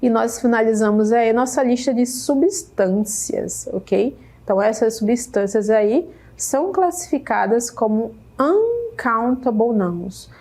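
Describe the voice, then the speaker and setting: This English teacher from Brazil has a higher, animated yet mellow voice and a Brazilian Portuguese accent. Explaining slowly and carefully for her class, she drills each English word over and over and adds "né?" as she goes. The setting is a studio in a state school media center.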